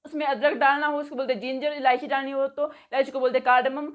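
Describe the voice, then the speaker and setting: A woman giving a casual vocabulary lesson, repeating each word slowly, spelling it out letter by letter and checking in after each item. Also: high voice, little pitch movement, dull audio. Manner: says "theek hai" after nearly every item. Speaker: spoken English teacher.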